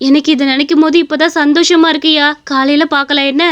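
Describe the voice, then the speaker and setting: Give me a woman playing a worried cartoon mother, quick and muffled. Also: sits high, little pitch movement, a bit bright. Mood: relieved. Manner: pleading, persuasive. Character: anxious middle-aged mother. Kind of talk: cartoon story voice acting. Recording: dull lo-fi recording.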